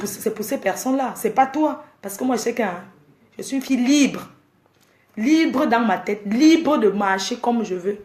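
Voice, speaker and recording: A woman's voice: a little high, a little mellow, echoey room. A woman ranting at her fans on a casual live stream, scolding and exasperated as she lectures her viewers. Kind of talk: casual Facebook live rant.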